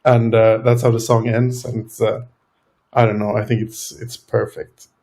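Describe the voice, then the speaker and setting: A man's voice: fairly low pitch, little pitch movement, normal speed, mellow. A man, a musician in a band, talking casually in an interview and hesitating often with fillers. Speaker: band member.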